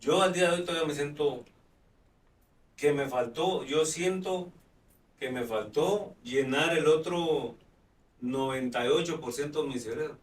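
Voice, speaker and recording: His delivery is unhurried and his voice slightly high as he hosts a live talk show, frequently restarting sentences and leaning on fillers. The sound is roomy and the microphone distant.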